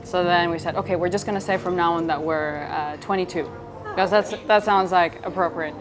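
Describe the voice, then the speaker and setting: A Swiss founder with a fairly low voice keeps a steady tone and a brisk pace during an interview. Her storytelling is casual and conversational, peppered with imagined quotes, and clear background music is audible.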